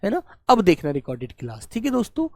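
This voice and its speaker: A woman teaching a live online Hindi class, calling her students "beta" and reading word pairs slowly, often clearing her throat. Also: medium pitch, wildly swooping pitch, a little mellow, dry recording.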